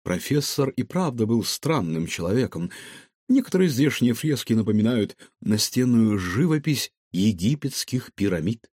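Man doing an old courteous professor, lively pitch, dry close sound. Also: moderate pace, breathy edge, no echo. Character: gallant elderly male professor.

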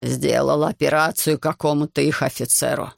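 A man voicing a distraught heavyset businessman begging for help for his arrested son, in a slow, broken, pleading way. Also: a little high, steady tone, vocal fry, dry recording, studio quality. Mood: desperate pleading. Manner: desperate, pleading, slowed and broken.

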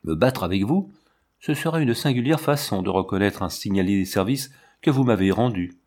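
A shaken, cornered banker with a fairly low voice, as a male reader puts him on, protesting and evading in a storybook scene. His talk is defensive. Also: lively intonation, brisk, a little mellow. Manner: evasive, protesting. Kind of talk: audiobook narration.

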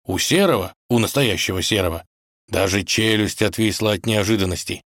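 A man narrating a fairy tale audiobook in a measured, expressive reading. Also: on the low side, no echo, clean studio sound.

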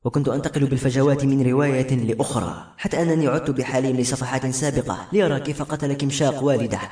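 A man's voice: medium pitch, steady tone, fast talker, dark tone, distant mic, lightly acted. A man voicing a stubborn young male engineering student who argues with earnest, pleading insistence in a storybook reading. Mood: defiant. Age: young adult. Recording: roomy echoey room.

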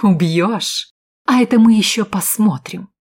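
A woman voicing a furious, battered woman who shouts curses through clenched teeth. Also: medium pitch, a little slow, husky.

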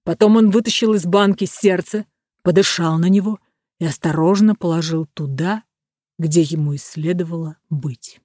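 Measured storyteller reading a fairy tale. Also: medium pitch, darkish tone, dry recording, studio quality. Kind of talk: scripted narration of a fairy tale.

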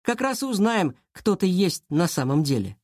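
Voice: medium pitch, very animated, normal speed, darkish tone, no room sound, studio quality. A reader voicing a schoolboy detective who answers his rivals coldly and curtly. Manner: cold, curt. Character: cool-headed schoolboy detective.

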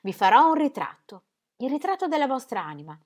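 A woman's voice: high-pitched, big pitch swings, fairly quick, pitched above the performer's own voice. A woman reading the part of a weary, charming man, a painter, in a languid, playful, theatrical manner. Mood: flirtatious.

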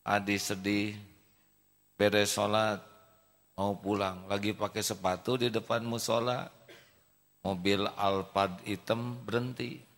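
A man preaches to a congregation, unhurried and deliberate, telling a story. His lowish voice is bright and forward, and it carries with a long reverb through a large hall. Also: fairly even intonation. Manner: slow storytelling, acts out voices. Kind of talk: sermon storytelling.

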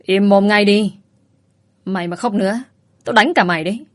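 A woman's voice: mid-range voice, normal speed, natural voice. A woman reading a story, voicing a crude, bullying young man with a sneering, coarse manner. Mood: snarling.

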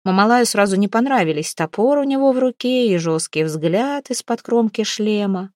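Expressive female audiobook narrator. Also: medium pitch, moderate pace, no room sound, clean studio sound. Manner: expressive storytelling. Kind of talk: scripted narration of a historical novel.

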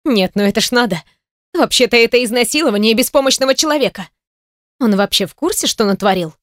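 A woman voicing a desperate older sister who cannot walk, pleading in a shrill, hoarse voice in an audiobook. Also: lively intonation, fast, dry recording, clean studio sound, lightly acted. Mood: indignant. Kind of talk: audiobook character voice.

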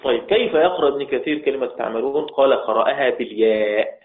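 A man with an Egyptian accent giving a lesson, speaking slowly, repeating key points and asking rhetorical questions. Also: mid-range voice. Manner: slow, repetitive teaching with rhetorical questions. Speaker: teacher of Quranic recitation. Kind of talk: recorded lesson. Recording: tinny, echoey lo-fi recording.

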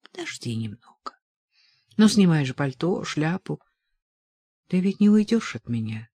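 A firm, persuasive man, read aloud by the audiobook narrator lays out his reasons, his tone swinging up and down with a lively pitch. The reading is dry and close, with no room sound. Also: unhurried, husky, no echo, full character voice. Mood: insistent. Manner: insistent, reasoning. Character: commanding wealthy man, persuasive lover. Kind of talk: audiobook dialogue.

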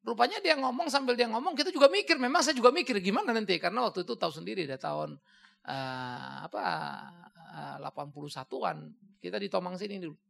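Gravelly, animated male preacher. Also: high-pitched, fast talker. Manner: animated storytelling, frequent laughter. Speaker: pastor. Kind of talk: sermon.

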